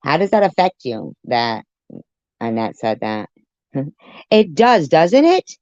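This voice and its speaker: A commentator with a deep pitch-shifted voice, reacting to a clip with blunt, profane sarcasm. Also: sing-song, slow pace, darkish tone, no echo, muffled recording. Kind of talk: ranting commentary.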